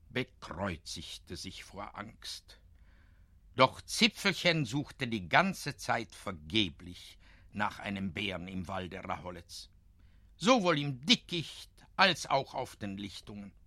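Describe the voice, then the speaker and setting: A man reading a children's story aloud in an expressive storytelling manner. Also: fairly low pitch, no echo, studio quality.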